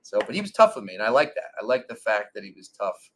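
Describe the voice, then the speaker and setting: A man in his forties, a former pro ballplayer, telling stories in a relaxed interview with lots of fillers. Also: lowish voice, fast, slight background noise. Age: 40s. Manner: relaxed storytelling with many fillers. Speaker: guest, former pro baseball pitcher. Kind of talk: casual interview.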